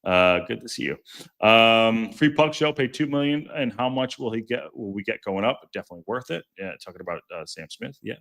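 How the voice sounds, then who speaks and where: The host's deep, strong voice is expressive and brisk, with vocal fry and a fairly bright tone, as he casually jokes with live viewers over their comments. His delivery rambles, with frequent stumbles, self-interruptions, and restarted sentences.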